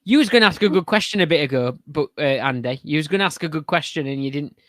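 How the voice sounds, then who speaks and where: A man's voice: on the high side, animated, fast talker, a bit bright, no echo, studio quality. A man hosting a casual pub quiz on a podcast, giving rambling, hedging clues and laughing often.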